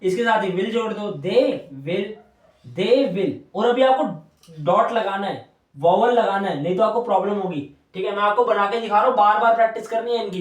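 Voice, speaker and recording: Guy teaching shorthand on a whiteboard, high voice, echoey room, mic kinda far off. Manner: patient, repeats each stroke aloud while drawing. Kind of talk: whiteboard lesson.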